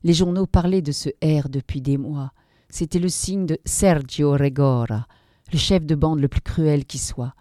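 A woman narrating a dark story in a measured, dramatic reading. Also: low-pitched, no room sound, studio quality.

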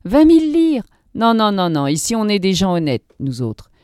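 A woman's voice: mid-range voice, big pitch swings, normal speed, a little mellow, clean tone, no echo, studio quality, pitched above the performer's own voice, lightly acted. A woman voicing a stout, wary fairground woman who curtly turns away a stranger. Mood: suspicious. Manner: curt, dismissive.

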